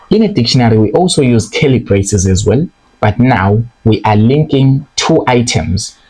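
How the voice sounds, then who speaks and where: Young male coding tutor, lowish voice, patient step-by-step delivery with frequent check-ins. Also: darkish tone, low-quality recording. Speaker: programming tutor. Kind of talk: screen-recorded coding lesson.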